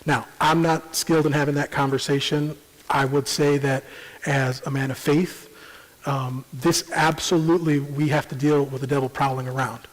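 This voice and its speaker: A man presenting a parenting seminar in a church, explaining at a measured pace with frequent ums and uhs. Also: medium pitch, little pitch movement. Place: church sanctuary. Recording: long church hall reverb.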